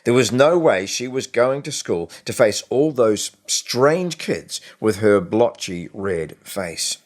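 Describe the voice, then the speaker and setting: Using a mid-range voice, a man reads a short story aloud for an audiobook from a script. His delivery is measured and expressive, with purposeful pauses.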